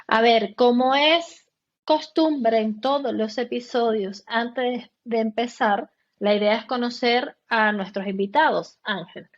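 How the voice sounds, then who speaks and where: A woman's voice: on the high side, slow pace. Dull-sounding female podcast host. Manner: friendly, structured hosting with fillers. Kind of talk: podcast interview.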